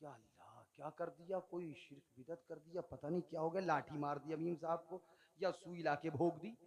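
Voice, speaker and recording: A male preacher who tells a story, calls on the audience to answer him, and builds up to shouting. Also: on the high side, normal speed. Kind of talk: religious speech told as a story.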